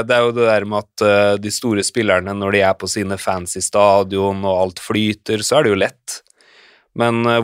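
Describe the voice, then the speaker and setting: Low-voiced man, reflective and hesitant. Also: clean tone, no room sound, studio quality. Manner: reflective, hesitant with frequent fillers. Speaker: podcast guest. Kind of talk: casual conversation.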